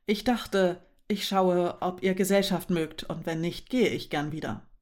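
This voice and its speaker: Brief: talkative, upbeat female housemate, angular low voice, read by a woman narrator, audiobook. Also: unhurried, a little mellow, lightly acted. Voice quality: somewhat angular voice. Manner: talkative, direct.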